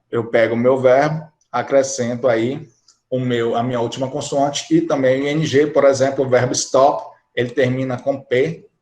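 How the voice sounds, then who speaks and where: A man's voice: medium pitch, a little mellow, echoey room. A man with a Brazilian Portuguese accent teaching an English grammar lesson, explaining each rule step by step and often checking in with the class. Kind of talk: recorded online grammar lesson.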